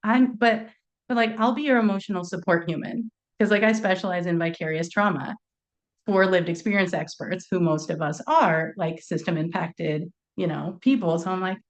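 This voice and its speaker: A woman's voice: lowish voice, normal speed. A woman speaking as a panelist at an online forum, talking in a chatty, informal way with many fillers, heard over a video call. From United States.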